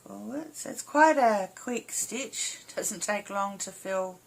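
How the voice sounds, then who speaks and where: In a casual step-by-step craft tutorial, an embroidery instructor speaks slowly and with animation at a medium pitch. Her voice is slightly hoarse and croaky, and she keeps her phrases short and informal.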